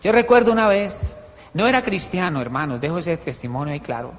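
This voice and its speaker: A male pastor with a high voice preaches and tells stories to a congregation, his volume swinging from loud passages to quiet asides. His voice carries a long reverb through the church hall. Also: sing-song, a little fast. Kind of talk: sermon.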